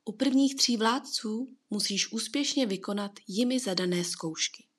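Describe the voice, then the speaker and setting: A woman voicing Gabriela, a gentle female being of light in a storybook, speaking slowly and patiently. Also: medium pitch, breathy edge, close to an everyday voice. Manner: slow, soothing, patient.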